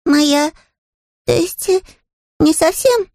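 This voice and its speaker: Woman voicing a young male bear, storybook, very high voice, lively swooping pitch, hesitant, stammering. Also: slow, no echo, studio quality, exaggerated voice. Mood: flustered.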